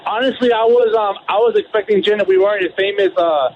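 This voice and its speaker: Rambling caller on a muffled line. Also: male voice, high voice, quick pace. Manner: rambling, heavy use of filler words. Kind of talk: casual chat. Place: on a phone call.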